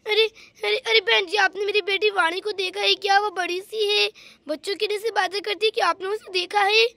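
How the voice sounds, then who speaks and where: A worried mother in a homemade doll story, calling anxiously for her daughter, as a woman voices her. The voice is very high and bright, with a gravelly edge and a dry, close sound. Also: fairly even intonation, normal speed, slight background noise, full character voice.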